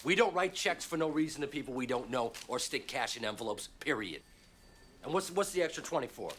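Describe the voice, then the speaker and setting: An actor playing a skeptical, flustered corporate executive in a film drama. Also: male voice, mid-range voice, lively intonation, a little fast, a bit bright, slight background noise, close to an everyday voice. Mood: exasperated. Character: wary corporate executive man, exasperated.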